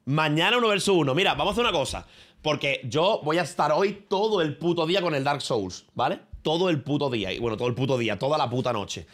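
A man's voice: a little high, animated, quick pace, a bit bright. A man from Spain with a Spanish accent, chatting casually and rambling on a livestream from his room, with plenty of swearing and slang. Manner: rambling, profane, slangy, talking to viewers and a friend. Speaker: streamer.

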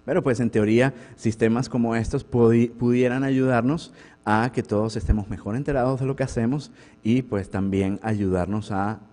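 A man's voice: mid-range voice, fairly even intonation, normal speed, mellow. A man giving an academic conference talk as a professor, speaking in a conversational way and checking in with the audience through rhetorical questions. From Venezuela. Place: university lecture hall.

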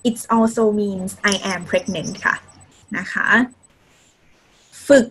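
Woman teacher doing a thai lesson over video call, super slow and a bit husky, tacks polite particles on everything. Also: medium pitch, steady tone, poor audio. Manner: mixes simple English with Thai, adds polite particles often. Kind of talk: online language lesson.

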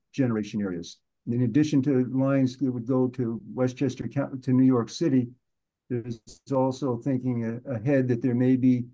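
A man giving a consultant's report in a video-call meeting, measured and detailed, with frequent restarts. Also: mid-range voice, mellow, poor audio.

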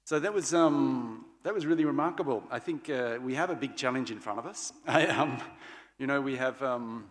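A man's voice: mid-range voice, moderate pace. A man in his forties moderating a panel from a podium, speaking loosely with fillers and restarts. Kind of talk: live panel wrap-up at a podium. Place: large conference stage hall. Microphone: podium mic. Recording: long hall reverb.

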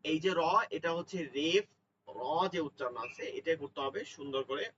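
A man's voice: on the high side, moderate pace, recorded from a distance, muffled recording, a little hiss or hum. A man teaching Quran pronunciation, patiently demonstrating letter sounds and repeating them. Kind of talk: online tajweed lesson. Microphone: online class audio.

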